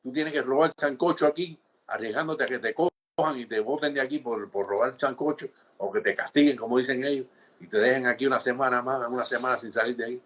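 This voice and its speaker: Older Cuban man, slightly husky, animated storyteller in a sit-down interview. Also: medium pitch, fairly quick. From Cuba. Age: 60s. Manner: animated storytelling, acts out quoted guards, frequent restarts and "¿entiendes?". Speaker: interviewee, former political prisoner.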